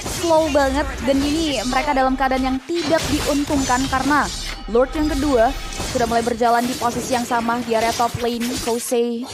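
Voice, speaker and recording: A woman with an Indonesian accent calling a live game match play-by-play like an excitable esports announcer. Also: high voice, moderate pace. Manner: announcer-like, rising to excited calls. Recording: music behind the voice. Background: background music.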